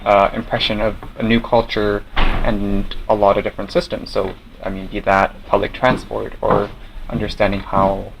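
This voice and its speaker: Young Norwegian man, low measured voice. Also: completely flat delivery, gravelly, background noise. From Norway. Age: young adult. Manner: measured, with many fillers and restarts. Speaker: student association president. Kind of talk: interview answers.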